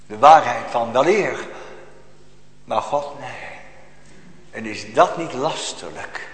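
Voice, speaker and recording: A man preaching a sermon to a congregation, slow and solemn, rising to emphatic outbursts, recorded in a church. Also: medium pitch, lively intonation, reverberant, big-room sound, low-quality recording.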